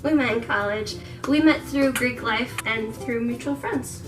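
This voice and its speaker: A woman's voice: fairly high pitch, a little slow, recorded from a distance, over music, low-quality recording. Chatty, giggly woman vlogger in her twenties. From Netherlands. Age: 20s. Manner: chatty and giggly, laughs often. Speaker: vlogger co-host. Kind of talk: casual Q&A chat.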